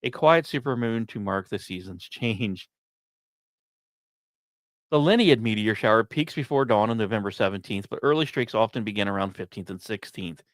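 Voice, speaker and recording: Here a man with a lowish, expressive voice hosts a podcast, narrating a science script dramatically like a storyteller. He drops in casual asides and pauses on purpose, and there's no echo.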